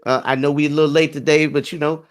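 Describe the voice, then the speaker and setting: A man's voice: a little high, level tone, quick pace. A man co-hosting a gaming podcast, easygoing and casual, with fillers as he plugs his streams. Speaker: podcast co-host. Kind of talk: casual chat.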